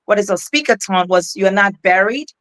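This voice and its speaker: A woman's voice: mid-range voice, animated, normal speed, fairly bright tone. A middle-aged woman from Ghana with a West African accent, telling her life story as an interview guest in an earnest, reflective way with many restarts. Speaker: guest, keynote speaker.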